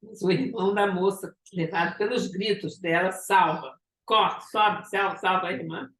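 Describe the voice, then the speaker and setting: Lady giving a talk, middling pitch, lots of "right?" tags, roomy echo. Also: steady tone, normal speed, fairly bright tone. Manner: frequent tag questions and restarts. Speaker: psychoanalysis lecturer. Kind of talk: lecture retelling a story. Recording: echoey room.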